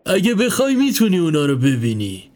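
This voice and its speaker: A man doing a gentle, coaxing older man. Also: fairly high pitch, huge pitch swings. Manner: slow, coaxing, teasing questions.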